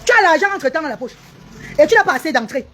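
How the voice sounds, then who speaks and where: A woman's voice: high voice, very animated, fairly bright tone. A woman, vlogging on social media in a defiant, indignant way. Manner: rapid-fire, defiant, indignant.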